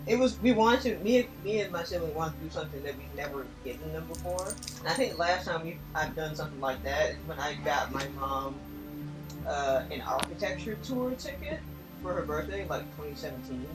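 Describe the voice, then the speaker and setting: A man's voice: a little high, lively intonation, brisk. A man chatting casually on a live stream, telling rambling stories and laughing often. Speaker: stream co-host. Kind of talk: casual chat. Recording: echoey room with music behind.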